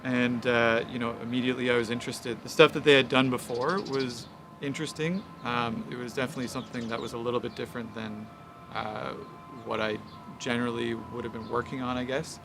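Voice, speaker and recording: A man's voice: mid-range voice, fairly even intonation, fairly quick, creaky. Man talking over street traffic. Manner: hesitant, many fillers. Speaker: record producer. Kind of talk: reflective interview answer. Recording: outdoor street noise behind voice.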